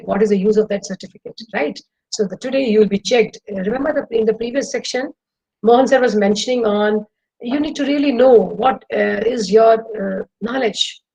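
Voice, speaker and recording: In a low-quality recording, a middle-aged woman with a mid-range voice and an Indian English accent speaks as guest speaker at a student webinar over a video call. She is lively and enthusiastic, using demonstrations as she lectures.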